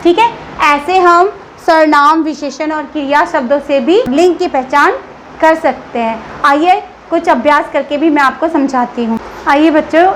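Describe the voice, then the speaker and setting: A woman's voice: very high-pitched, fairly bright tone, slight background noise, rough recording. A woman school teacher giving a grammar lesson to children, patiently asking questions and answering them herself.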